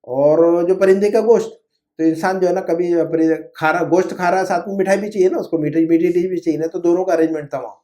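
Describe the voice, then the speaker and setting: A man with a fairly high but dark, mellow voice, teaching Arabic vocabulary in a live lesson. He speaks patiently and drills each word with his students. He corrects mistakes gently and keeps the lesson moving. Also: steady tone. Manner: often says "jo hai na". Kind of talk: live online language lesson.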